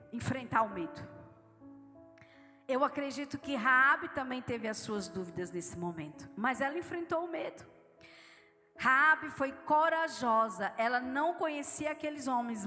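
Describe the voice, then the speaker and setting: A woman pastor from Brazil preaches live, her voice bright and forceful as she tells stories straight to the congregation. She speaks a little high, earnest and direct. The sound rings through a big church hall with soft music underneath.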